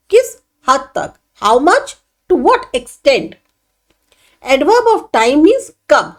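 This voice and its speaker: Slow, lively woman teaching grammar. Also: sits high. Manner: patient, mixing Hindi explanation with English examples, slow and emphatic. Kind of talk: explanatory lesson.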